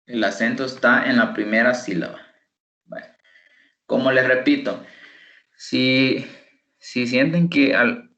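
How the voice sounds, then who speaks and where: A man tutoring an online English class, speaking slowly and deliberately and repeating words for pronunciation practice. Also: mid-range voice, a bit bright, reverberant, highs cut off. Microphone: computer microphone.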